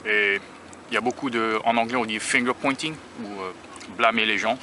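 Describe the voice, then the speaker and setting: A lowish, pushed, bright male voice with fairly even intonation, speaking at normal speed. He's an American food-tasting vlogger eating outside by a beach near rail tracks, filming himself handheld with a camera or phone and talking casually, musing and self-conscious with many restarted sentences. Traffic and vehicle sounds run underneath.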